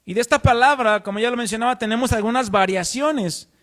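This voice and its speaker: A high-pitched man gives a teaching sermon in church. He explains earnestly and puts questions to the congregation. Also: a little fast, fairly bright tone. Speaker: preacher.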